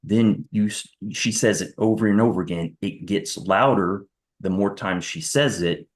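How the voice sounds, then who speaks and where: A man's voice: lowish voice, moderate pace. A man giving courtroom testimony as a witness, walking through events in a careful, methodical, step-by-step way. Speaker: witness on the stand.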